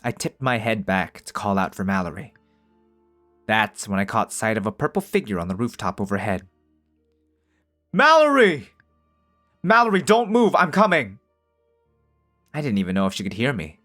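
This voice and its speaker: A man with a fairly low voice reads a visual novel aloud in first person. He breaks off now and then into joking, profane commentary. Soft music plays behind him. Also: fairly quick. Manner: swears freely, jokes between narrated lines. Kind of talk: story narration mixed with casual commentary.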